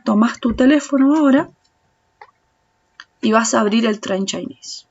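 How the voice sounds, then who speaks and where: A woman with a Rioplatense Spanish accent who teaches Chinese in a patient tutorial, repeating sounds slowly and speaking directly to the viewer. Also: on the high side, vocal fry, breathy edge, lo-fi sound. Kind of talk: slow step-by-step tutorial explanation.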